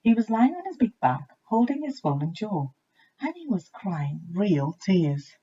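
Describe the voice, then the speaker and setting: A woman reading a children's storybook aloud with expressive narration, like a teacher to young listeners. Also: medium pitch, a little slow, muffled recording, slight background noise.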